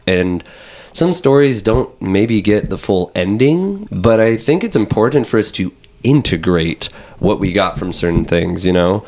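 A man hosting a podcast, talking loosely and openly with plenty of fillers. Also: lowish voice. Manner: opens in a mock radio-announcer voice, then talks loosely with many fillers. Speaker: podcast host. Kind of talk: casual podcast chat.

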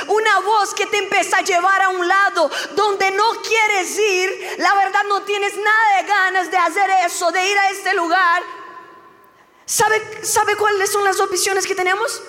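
A young woman with a very high voice gives a heartfelt testimony, acting out the lines of the people in her story. Her voice rings with a long hall echo. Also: pushed and bright. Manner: emotional storytelling, acting out dialogue. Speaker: church speaker giving testimony. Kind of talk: testimony sermon.

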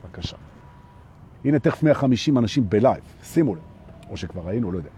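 A man giving a live-streamed spiritual talk on anger, animated, who repeats phrases for emphasis and keeps asking his listeners "right?". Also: fairly low pitch, slight background noise. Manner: acts out little everyday scenes. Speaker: spiritual teacher.

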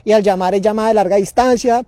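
A man's voice: high-pitched, fairly even intonation, quick pace, dark tone, dry recording. A man speaking outdoors in a neighborhood, hosting a parenting talk in a casual, reflective way, often repeating and restarting his words. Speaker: parenting podcast host.

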